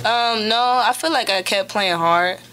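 A young woman who plays college basketball, answering reporters at a postgame press conference into a table mic, steady and plain, often starting with "um". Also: mid-range voice, measured pace, clear, resonant tone. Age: young adult. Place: press room in front of a sponsor backdrop. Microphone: table mic on a stand.

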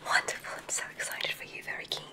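A woman performing ASMR whispers softly in a roleplay as a kindly witch examiner at a magic school. Her manner is soothing, deliberate and formal.

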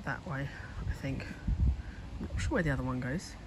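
Recorded on a handheld phone outdoors at a garden building site, a woman gives a chatty, think-aloud vlog on her home renovation as she walks. She has a bass voice and a moderate pace, with background noise present.

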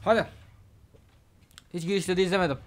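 A young man with a sore throat doing casual, excitable let's-play commentary, trash-talking his opponent and bursting into loud shouts. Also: sits high, fairly quick, faint music behind. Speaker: gaming channel host.

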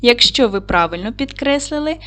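A woman's voice: a little high, lively intonation, normal speed, bright, forceful tone. Woman teaching a children's video lesson. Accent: Ukrainian. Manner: clear, patient, instructive tone addressing children. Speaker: primary school teacher.

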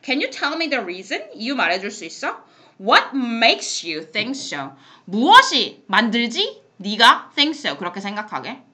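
In a classroom English lesson, a woman explains phrases in Korean, reads example sentences slowly, and throws her students blunt, playful remarks. She sounds bright and forceful, a little high, her pitch swooping wildly.

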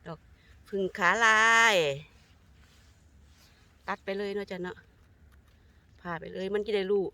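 An older Thai woman with an Isan accent, narrating a casual foraging vlog in a forest and chatting warmly to her viewers. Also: medium pitch, level tone, brisk, gravelly, no room sound. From Thailand. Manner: chatty, warmly addresses viewers as kin, sweet polite endings. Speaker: vlogger. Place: forest outdoors.

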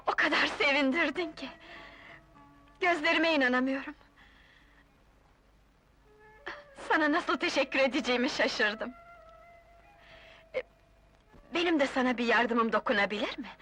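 A kind, idealistic village schoolteacher in an old film melodrama. Her voice is fairly high and forceful, with earnest, carefully declaimed phrases. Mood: grateful, delighted.

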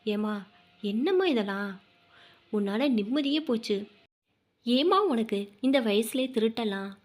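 A woman's voice: fairly high pitch, expressive, a little slow. A woman voicing an angry grown son who talks in a stern, threatening way.

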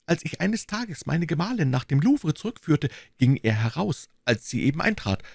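A man voicing an anxious, fussy middle-aged landlord in an audiobook, in a high, strained, wordy and timid voice. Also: big pitch swings, normal speed, vocal fry, husky, no echo, clean studio sound, full character voice. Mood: fretful. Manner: wordy, timid, eager to please. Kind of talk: audiobook reading.

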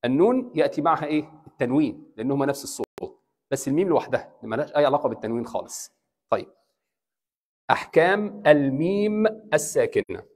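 Egyptian imam guy lecturing a class, kinda high voice, goes arabic to english and back. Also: big pitch swings, fast, a little mellow. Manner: explains step by step, checks in with the class; switches between Arabic and English. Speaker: imam teaching Quran recitation.

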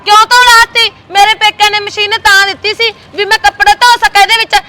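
A woman playing a shrill, bossy village wife. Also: little pitch movement, quick pace, sharp tone, a little hiss or hum. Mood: angry. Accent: Punjabi. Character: sharp-tongued young village wife, bossy, quarrelsome. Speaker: actor playing a quarrelsome wife.

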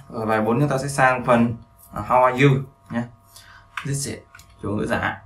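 A man's voice: mid-range voice, moderate pace, fairly bright tone, roomy sound, distant mic. A male English teacher explaining grammar to beginners, repeating himself and often checking in with his listeners.

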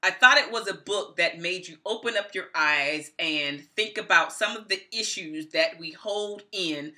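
A middle-aged woman, a book reviewer and vlogger, gives a casual review to camera from a small room at home. Her voice is lowish, unhurried and sharp in tone, and she drives her points home emphatically, repeating phrases.

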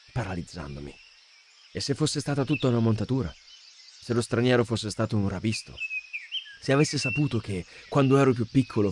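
A man narrating a fantasy novel as an audiobook, reading in an expressive, dramatic way. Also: fairly low pitch, noisy background. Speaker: audiobook reader.

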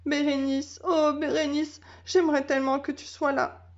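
A woman's voice: high-pitched, big pitch swings, a little slow, pitched above the performer's own voice. Woman voicing a timid young dog. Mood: sulky, sad. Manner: yelping barks, then anxious complaining. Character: big young male puppy, timid and whiny. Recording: dull lo-fi sound.

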